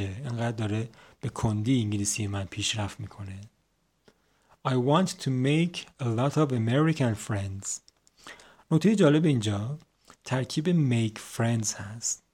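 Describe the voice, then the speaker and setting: A man whose first language is Persian, teaching English by slowly reading English sentences, spelling words letter by letter and explaining them. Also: medium pitch, darkish tone, husky. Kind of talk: explaining an English text line by line.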